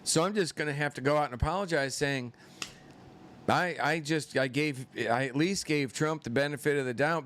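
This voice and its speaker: Slow rambling profane male streamer. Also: fairly high pitch, a bit bright, clean tone. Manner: rambling, profane, incredulous outbursts with many fillers. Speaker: political commentary show host. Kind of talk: unscripted live-stream commentary.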